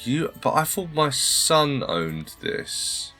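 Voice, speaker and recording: This time the strategy game host sounds a little high and very animated, speaking slowly with a bright, forceful tone over faint background music. He is somewhat under the weather yet keeps up polite, chatty, think-aloud let's-play commentary for his channel.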